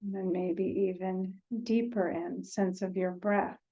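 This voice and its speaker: Speaking in a mid-range voice with little pitch movement, a woman guides a meditation gently and slowly. She leaves long pauses between her short phrases, and the recording's highs are cut off.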